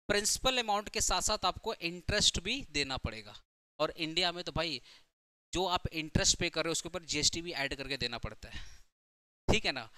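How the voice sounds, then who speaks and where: A man's voice: sits high, bright, forceful tone, clear, resonant tone, dry recording. A man teaching accountancy in a recorded lecture, speaking with terms, repeating points and asking his class questions.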